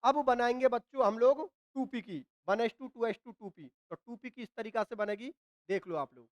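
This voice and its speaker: Coughing Hindi teacher with a dry throat. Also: male voice, very high-pitched, normal speed, no echo. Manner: asks students questions and answers them himself; repeats points, often says "ठीक है ना". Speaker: chemistry teacher. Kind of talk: classroom lecture at a whiteboard.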